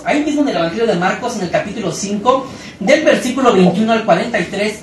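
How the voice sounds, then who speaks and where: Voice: mid-range voice, slight background noise. A preacher gives a sermon, telling stories and acting out the quotes with humor. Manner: storytelling with acted-out quotes and humor. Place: church hall. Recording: echoey hall, voice from a distance.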